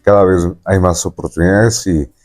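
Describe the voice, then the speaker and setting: Speaking at a normal speed in a low, steady, darkish voice, a man with a Mexican accent interviews a podcast guest conversationally. He tends to ramble and keeps checking in with tag questions, with faint music in the background.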